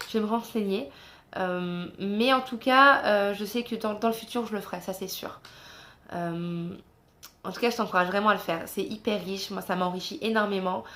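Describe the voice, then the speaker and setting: A young woman from France talking casually to camera in a travel vlog, chatty and encouraging, with many fillers, filmed on a phone indoors in a guest room. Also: on the high side. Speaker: travel vlogger.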